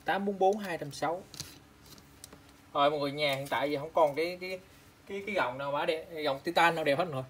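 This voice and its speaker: A man from Vietnam with a slightly high voice talks casually to his viewers while showing off frames. He repeats prices and measurements often and keeps calling out to the audience. A faint room ambience sits under his voice. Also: quick pace, long pauses, fairly bright tone, a little hiss or hum. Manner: chatty, repeats prices and specs, calls out to viewers. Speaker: online seller of used eyeglasses. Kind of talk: casual product showcase.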